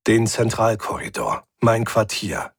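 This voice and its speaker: A man's voice: lowish voice, expressive, a little slow, slightly rough, no room sound, studio quality. A man narrating a science-fiction story in the first person, wry and dramatic. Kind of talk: scripted audio drama narration.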